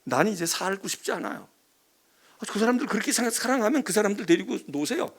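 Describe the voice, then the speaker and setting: A sullen prophet mutters self-pityingly, often dropping to a hush, his pitch lurching up and down, as a preacher acts him out. A gravelly edge runs under the voice. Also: big pitch swings, fast, full character voice. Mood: sulky.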